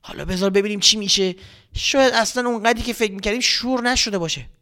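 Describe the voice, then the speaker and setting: A man's voice: sits high, bright, forceful tone, pitched above the performer's own voice. A man voicing an anxious young girl who fears her cake mistake will be found out, in a children's story. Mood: nervous. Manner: exclaiming, fretful.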